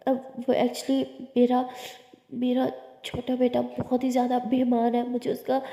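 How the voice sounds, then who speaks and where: A woman's voice: a little high, completely flat delivery, a little slow, warm tone. A woman voicing a poor, desperate middle-aged maid who stammers and pleads. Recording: echoey reverberant room.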